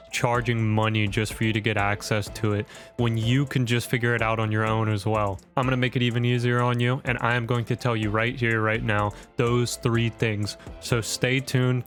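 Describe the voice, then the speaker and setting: A man's voice: mid-range voice, fairly bright tone. A man hosting a YouTube tutorial with wired, over-caffeinated enthusiasm, speaking emphatically in punchy phrases and rhetorical questions. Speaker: YouTube content creator and host. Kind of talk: direct-to-camera tutorial, scripted vlog. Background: background music.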